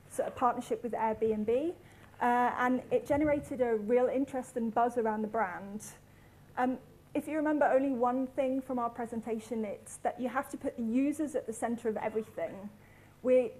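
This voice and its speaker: A woman's voice: fairly high pitch, warm tone, poor audio. Polished woman presenting. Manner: polished, rehearsed delivery with brief fillers. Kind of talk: conference presentation. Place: conference hall.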